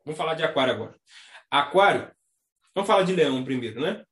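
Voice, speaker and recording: A man with a Brazilian Portuguese accent hosts a casual astrology chat, talking fast in a slangy, animated way and mimicking the people he describes. His pitch is fairly high, and the room sounds echoey.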